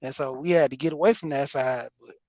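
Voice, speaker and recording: A man's voice: mid-range voice, steady tone, quick pace, lo-fi sound, crowd noise. A man with an Atlanta accent, chatting casually, hesitant and trailing off as he restarts sentences. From New Mexico. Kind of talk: casual podcast chat.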